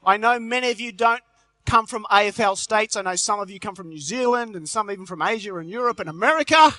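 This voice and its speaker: A middle-aged Australian man works a big conference crowd with quick jokes and stories. His voice sits high and sounds bright and forceful. The sound is close and dry, with no room echo. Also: lively intonation. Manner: jokey storytelling, punchy delivery. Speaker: motivational health speaker. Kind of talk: live conference speech. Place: large convention hall stage.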